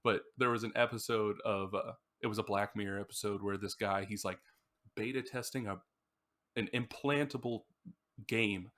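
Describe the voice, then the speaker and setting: This podcast co-host has a lowish, slightly bright voice with a steady tone and a normal pace. Chatting casually about an album, he tells stories in a loose, rambling way and acts out screams.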